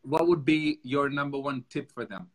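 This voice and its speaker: A man's voice: mid-range voice, normal speed. A man hosting an interview, chatting with energy and asking playful questions. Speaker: podcast host. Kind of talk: casual interview chat.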